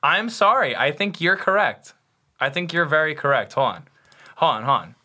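Casual: young dude co-hosting a podcast, bright voice, keeps second-guessing himself. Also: male voice, fairly high pitch, animated, normal speed. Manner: rambling, self-correcting, playful. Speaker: podcast co-host. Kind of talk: casual chat.

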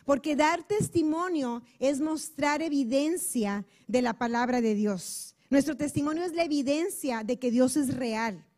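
A woman's voice: sits high, a little slow, hardly any pauses, darkish tone. A woman preaching to a women's group on a handheld mic, earnest and chatty, acting out little everyday dialogues. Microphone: handheld microphone.

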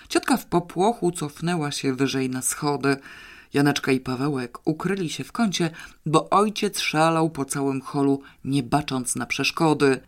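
Lively audiobook narrator. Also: medium pitch.

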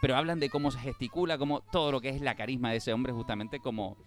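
A man chats casually about streaming series, telling stories with lively quoted lines. His voice sits at a middle pitch. Faint music plays behind him. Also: fast talker. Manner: animated storyteller, acts out quoted lines. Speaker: podcast host.

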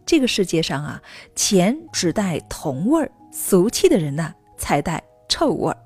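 A woman hosting a scripted radio talk show, speaking directly to her female listeners and stretching out soft particles at the ends of phrases. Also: lowish voice, very animated, unhurried, breathy edge, faint music behind. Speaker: radio host.

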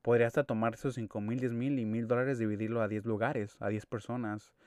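A man's voice: mid-range voice, fairly even intonation, fairly quick, a little mellow, clean tone, dry recording, studio quality. A young man with a Mexican accent rambling casually in a monologue, slangy and full of swearing. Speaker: podcast host.

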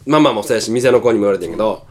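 A man with a Kansai accent telling funny stories in casual chat as a radio host, animated and laughing often. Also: fairly low pitch, very fast, slight background noise. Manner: animated storyteller, bursts into laughter.

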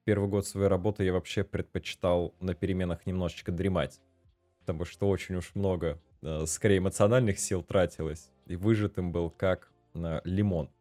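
A man from Russia hosting a podcast interview, chatting in a relaxed way with fillers. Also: low-pitched, normal speed, faint music behind. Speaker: podcast host.

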